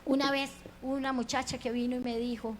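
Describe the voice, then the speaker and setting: Woman preacher, high voice, gets worked up acting out the story, asks the crowd straight questions, faint hum. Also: flat delivery, fairly quick, rough recording. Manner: impassioned, acts out quoted characters with rising pitch; asks the congregation direct questions. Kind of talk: sermon.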